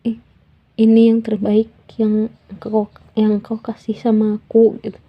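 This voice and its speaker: Soft-spoken woman with a husky voice. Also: fairly high pitch, completely flat delivery, highs cut off. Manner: soft, halting, often near a whisper. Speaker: vlogger. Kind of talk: personal storytelling.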